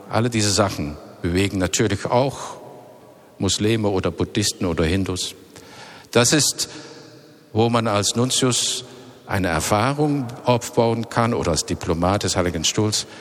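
A Dutch man in his fifties, with a very low voice, speaks German with a Dutch accent. He answers interview questions slowly and thoughtfully, often hunting for words and starting phrases over. Each phrase is followed by a long reverb tail.

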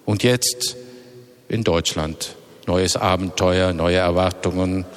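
A man in his fifties speaks German with a Dutch accent, his voice very low. He answers interview questions slowly and reflectively, often searching for words and restarting phrases. A long reverb trails behind each phrase. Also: steady tone, smooth. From Netherlands.

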